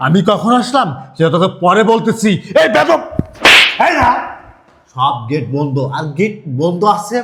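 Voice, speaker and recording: A man acting an angry, taunting husband in a short film, shouting and goading with repeated interjections. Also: sits high, big pitch swings, moderate pace, creaky, heavy background noise, exaggerated voice. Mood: furious. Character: angry man posing as sweeper, the returned husband.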